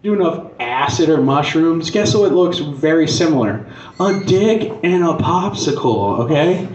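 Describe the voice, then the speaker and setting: A man's voice: on the high side, expressive, a little slow, darkish tone. A man performing stand-up comedy as a profane, conversational and punchy rant. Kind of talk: stand-up comedy monologue, crude casual rant. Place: live comedy venue on stage. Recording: echoey club room, distant dull mic.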